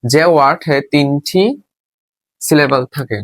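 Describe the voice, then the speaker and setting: A man's voice: fairly high pitch, fairly even intonation, unhurried, fairly bright tone, no room sound. A male teacher giving a spoken lesson. He repeats each rule, asks questions and answers them himself, and spells words out letter by letter. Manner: repetitive, asks and answers his own questions. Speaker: English teacher.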